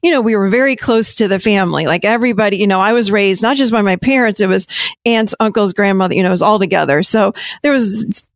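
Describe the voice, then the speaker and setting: A woman's voice: medium pitch, no room sound. A woman who grew up in Rochester, New York speaks as a podcast guest, midrange and conversational. She runs her thoughts together, restarts and laughs lightly. The sound is dry and close. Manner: chatty, quick, self-correcting, laughs often. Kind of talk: casual interview talk.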